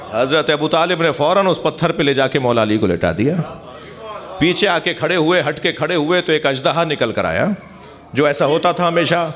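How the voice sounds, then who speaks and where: A man preaching at a religious mourning gathering, his voice sitting a little high as he tells a story with feeling. He keeps stopping to call the crowd to recite blessings. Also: a bit bright. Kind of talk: Shia majlis sermon. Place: imambargah hall.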